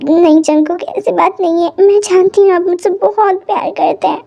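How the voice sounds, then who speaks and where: A woman's voice: extremely high pitch, fairly even intonation, normal speed, vocal fry. A woman voicing a frightened, devoted young wife who pleads and reassures, in a fan-fiction story. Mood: tender, reassuring. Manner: pleading, soft and breathless. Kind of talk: Hindi fan-fiction voice acting.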